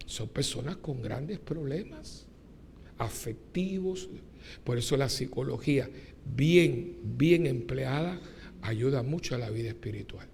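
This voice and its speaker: A man, a priest giving a lively homily at mass, joking and asking his congregation rhetorical questions. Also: mid-range voice, a little slow, creaky, a little hiss or hum. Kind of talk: sermon. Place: church during mass.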